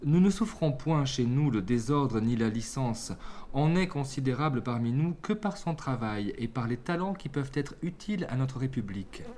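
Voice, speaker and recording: A man's voice: mid-range voice, a little mellow, lightly acted. A man voicing a solemn queen bee who lectures a young prince in a fable reading. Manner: solemn, moralizing. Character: queen bee, stately, instructive.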